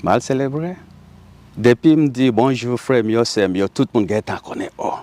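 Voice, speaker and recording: A man from Haiti with a Haitian Creole accent, speaking as a guest in a casual interview, animated and laughing often. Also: mid-range voice, moderate pace.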